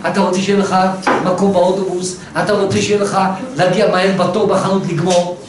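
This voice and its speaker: A man giving a religious lesson, telling a parable and pressing his listeners with rhetorical questions. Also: high voice. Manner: animated storyteller, rhetorical questions. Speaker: religious teacher. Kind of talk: Torah lesson with a told parable. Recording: very echoey room, distant mic, faint noise.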